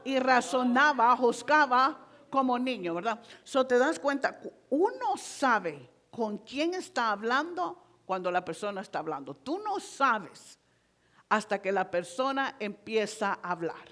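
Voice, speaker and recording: A woman's voice: medium pitch, sing-song, a little slow, a bit bright. A woman preaching a Spanish-language sermon in a church, talking conversationally and constantly checking in with the congregation, slipping in English words like "so".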